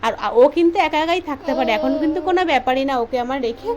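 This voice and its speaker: Fast-talking high-voiced young woman vlogger. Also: crowd noise. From West Bengal, India. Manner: says she speaks softly for this voice-over; chatty, addresses viewers directly. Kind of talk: casual vlog voice-over.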